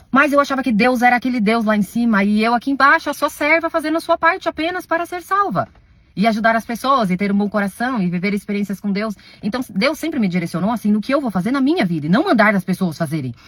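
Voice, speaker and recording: A woman giving an emotional religious testimony to her followers, defensive and pleading, her voice swinging between hushed and raised. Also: medium pitch, no room sound. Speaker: self-described servant of God recounting a spiritual experience.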